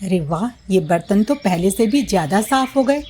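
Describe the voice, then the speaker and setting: A woman's voice: mid-range voice, animated, moderate pace, a little mellow, a little hiss or hum, close to an everyday voice. A woman voicing a lazy, scheming young daughter-in-law in a storybook, sweet-talking and dismissive. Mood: lazy grumbling. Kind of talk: storybook voice acting.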